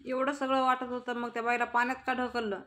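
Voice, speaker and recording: A woman's voice: on the high side, flat delivery, quick pace, fairly bright tone, a little hiss or hum, close to an everyday voice. A woman reading the lines of a stern male police inspector, curt and accusing.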